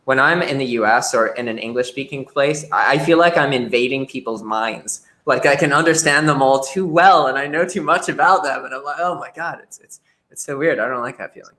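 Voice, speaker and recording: A man's voice: mid-range voice, fairly quick, bright, forceful tone. A young man talking frankly as a podcast guest, often repeating words as he starts a sentence. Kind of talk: casual interview chat.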